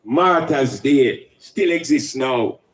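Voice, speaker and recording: A man's voice: mid-range voice, lively intonation, takes it slowly. A man with a Jamaican accent speaking in Rastafarian style, preaching and teaching emphatically with rhetorical questions and Rastafari idioms.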